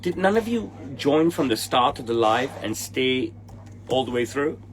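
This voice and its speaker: Unhurried yet full of big pitch swings, a mid-range voice belongs to a Hong Kong English-speaking tailor in his forties answering livestream viewers. He's blunt and impatient, cursing at commenters. He sits indoors with trophies behind him.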